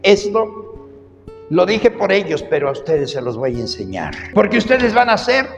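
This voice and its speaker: A male preacher voicing a calm, gentle teacher who speaks simply in a low, quiet voice. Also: normal speed, vocal fry, highs cut off, heavily acted. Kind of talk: sermon. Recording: hall reverb, faint music.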